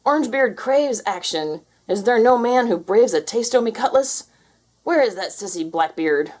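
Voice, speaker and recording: A woman's voice: a little high, expressive, moderate pace, a little mellow, pitched above the performer's own voice. Lady doing a storybook character voice for a snarky cartoon tomcat, wry, mischievous, wisecracking. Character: wry, mischievous, sarcastic male cartoon cat.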